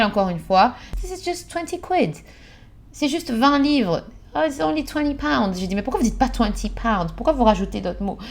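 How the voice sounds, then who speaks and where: A young woman from France chatting casually in a vlog, explaining British English expressions and acting out short examples in English, laughing at her own slips. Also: lowish voice.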